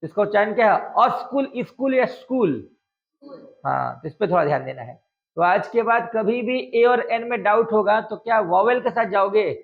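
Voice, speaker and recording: A man's voice: sits high, vocal fry, narrow, tinny audio. A male English teacher, teaching a classroom grammar lesson and firing constant questions at his students. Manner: drawls out example sentences slowly.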